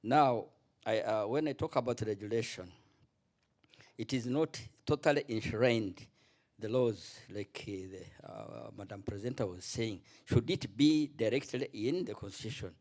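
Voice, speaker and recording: A middle-aged man giving a spontaneous remark at a conference panel, halting and restarting often. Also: fairly low pitch, a little mellow. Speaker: panel contributor, former legislator.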